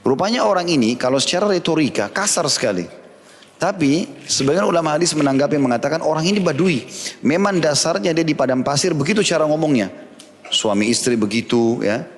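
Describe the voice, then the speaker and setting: A man giving a religious lecture, telling a story and acting out the quoted lines with his voice rising. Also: big-room sound. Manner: storytelling, acting out quoted dialogue in a raised pitch. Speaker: preacher.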